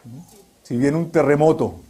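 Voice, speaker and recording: A middle-aged man preaching a sermon as pastor, animated, swinging from loud exhortation to quiet asides. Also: on the high side, moderate pace, husky.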